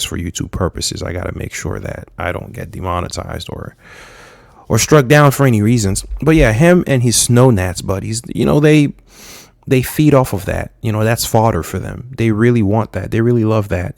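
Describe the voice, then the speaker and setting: A young man from Haiti giving frank, halting political commentary, with many fillers and restarts. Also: fairly low pitch, vocal fry, dry recording, studio quality. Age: young adult.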